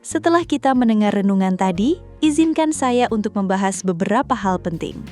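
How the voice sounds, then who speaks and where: A woman reading a scripted channel announcement in an even, polite voice-over. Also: medium pitch, a little fast, faint music behind.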